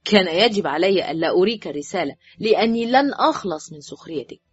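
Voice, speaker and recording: A woman's voice: fairly low pitch, animated, fast talker, slightly rough. A woman reading an audiobook voices a man, a surgeon, dry and easily irritated, curt and sardonic. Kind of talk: audiobook character voice. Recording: dull, dry recording with faint music.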